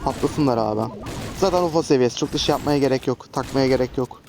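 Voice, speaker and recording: A man's voice: medium pitch, fast talker. A man giving casual, chatty gameplay commentary as a gaming host, often exasperated and cursing at enemies. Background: traffic noise.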